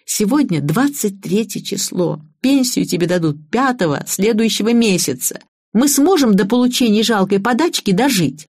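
A woman's voice: medium pitch, expressive, moderate pace, darkish tone, pitched above the performer's own voice, close to an everyday voice. A woman voicing a headstrong, cynical young woman who speaks bluntly and scornfully.

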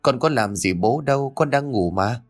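A man's voice: mid-range voice, expressive, normal speed, faint music behind, lightly acted. A man voicing a small boy who whines and pleads in a raised childish voice. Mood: sleepy. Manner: whiny, pleading. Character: small boy, whiny and insistent.

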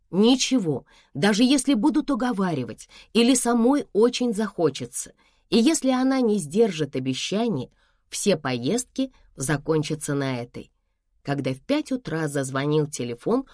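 A woman telling a first-person story in a chatty, expressive way, her pitch rising and falling a great deal. She is recorded dry and close, with no room sound. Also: dry recording.

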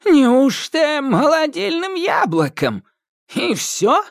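A man voicing a grumpy, ancient witch with a creaky, shrill voice in an audiobook. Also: huge pitch swings, no room sound, studio quality, full character voice. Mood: weary, surprised. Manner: cranky, complaining, quick to bristle. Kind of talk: audiobook character voice.

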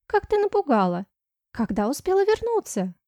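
This is a giddy, gushing young woman in a storybook, squealing and wheedling at her friend, as a woman reader puts her on. The voice sits high above the narrator's own and rings out loud, with a warm, mellow tone. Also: sing-song, normal speed, dry recording, studio quality. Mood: excited.

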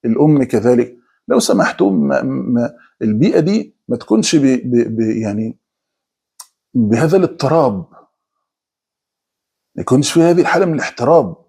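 A middle-aged man with an Egyptian accent giving a conversational religious talk, slipping into quick mock voices of people making excuses. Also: mid-range voice, expressive, creaky, warm tone, breathy edge. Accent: Egyptian Arabic. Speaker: preacher.

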